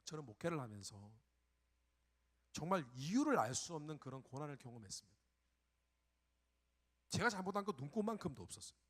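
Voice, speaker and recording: A middle-aged man preaches a sermon in a high, lively voice that moves widely in pitch. He acts out his own prayers and God's answers. He shifts between quiet, low reflection and loud, pleading outbursts. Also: a little fast, long pauses. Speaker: pastor.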